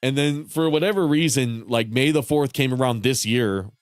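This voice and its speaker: In studio-quality audio with no room sound, a man with a mid-range voice chats at normal speed while livestreaming a game. His nasal, congested delivery rambles, with frequent swearing and laughs between thoughts.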